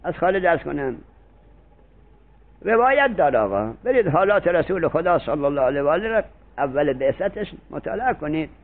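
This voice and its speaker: An older man teaching a seminary grammar lesson, telling stories and acting out quoted dialogue, slowing down for recited verses. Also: on the high side, narrow, tinny audio. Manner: animated, acts out quoted dialogue, slow when reciting verses. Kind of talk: Arabic grammar lesson with storytelling.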